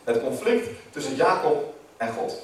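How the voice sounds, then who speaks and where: A man preaching a sermon, explaining calmly and reading the Bible aloud. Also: a little high, measured pace, a little hiss or hum. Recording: echoey hall, mic at a distance.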